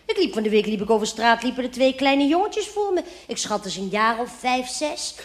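A woman's voice: fairly high pitch, expressive, brisk. A woman performing a comic cabaret monologue and song with dry storytelling. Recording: echoey stage with loud music.

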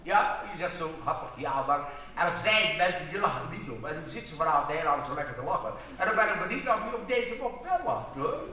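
Male comedian, high bright voice, stand-up jokes, echoey hall from afar. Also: expressive, a little fast, recorded from a distance. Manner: chatty, acts out joke voices, laughs along. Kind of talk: stand-up joke telling.

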